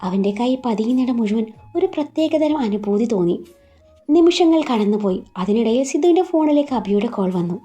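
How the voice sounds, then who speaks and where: A woman narrating a romance story in a steady, even reading voice. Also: on the high side, a little fast, faint music behind.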